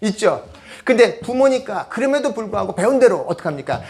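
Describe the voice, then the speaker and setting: This man's high voice is very animated, a little fast, slightly mellow, with some vocal fry, as he lectures the public on parenting. Conversational in tone, he keeps asking the audience rhetorical questions, shifts to half-banmal, and throws in asides.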